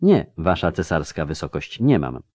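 A man's voice: sits low, big pitch swings, normal speed, darkish tone, no echo. Guy doing a scared young girl, timid and polite, dry close sound. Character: frightened young girl posing as a princess. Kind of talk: audiobook character voice.

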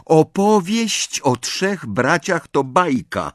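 A high, fretful teenage girl witch who is quick to argue and sure of her own reasoning, as a man reading the book puts her on. The pitch swings widely from line to line. The recording is close and dry, with no room sound. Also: sing-song, no room sound. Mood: scornful. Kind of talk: audiobook reading.

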